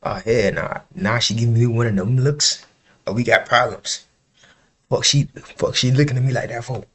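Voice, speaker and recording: A man's voice: mid-range voice, unhurried, fairly bright tone. An American man hosting a music reaction, talking casually and profanely back at the video. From United States. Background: the reviewed song playing faintly.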